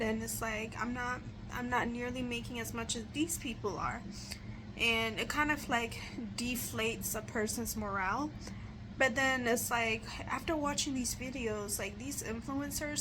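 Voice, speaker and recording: A fairly high-pitched woman's voice with soft R sounds that come out as W. She talks in a casual, rambling vlog style, padded with filler words. Clear background noise from the room sits behind her. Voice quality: speech impediment on R sounds, says w for r. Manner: rambling, filler-heavy with "like" and "you know". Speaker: vlogger. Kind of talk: casual chatty commentary.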